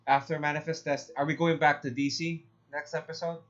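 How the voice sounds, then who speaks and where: A man's voice: fairly high pitch, flat delivery, fast talker. A man co-hosting a casual podcast, talking loosely with swearing and calling his friend bro and dude. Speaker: podcast co-host. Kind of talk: casual chat. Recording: dull lo-fi sound.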